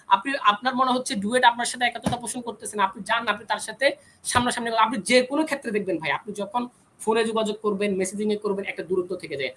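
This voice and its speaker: His voice sits high and sounds pushed and bright as this young adult guest, an engineering student, argues his side in a heated panel debate. Insistent and argumentative, he won't let himself be cut off. The low-quality audio carries a little hiss or hum.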